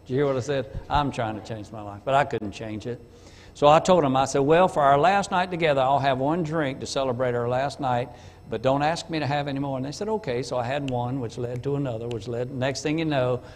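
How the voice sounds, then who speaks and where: A man's voice: mid-range voice, a little fast. A middle-aged man tells his conversion story from the pulpit, slipping into the other people's voices as he recounts them. His voice rings out with a long church reverb over faint background hum. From North Carolina. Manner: storytelling, acts out dialogue. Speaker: preacher. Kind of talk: testimony sermon. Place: church sanctuary.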